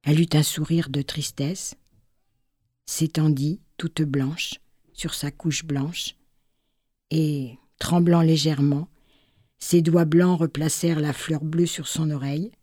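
Low, mellow woman reading a tale. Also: no echo, studio quality. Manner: measured, expressive narration. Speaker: storyteller. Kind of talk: literary fairy-tale reading.

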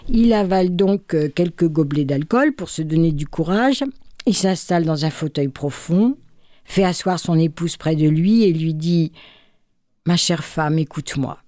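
A woman reads a folk tale aloud in an expressive, measured telling. Her voice sits low and warm, recorded dry and close with no room sound. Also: no room sound. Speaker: storyteller.

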